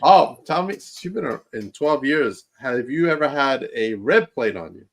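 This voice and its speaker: A man hosting a podcast interview, answering with quick okays and all-rights and often repeating himself. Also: mid-range voice, lively intonation. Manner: short affirmations, repeats himself, laughs along. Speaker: podcast host. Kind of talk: casual interview.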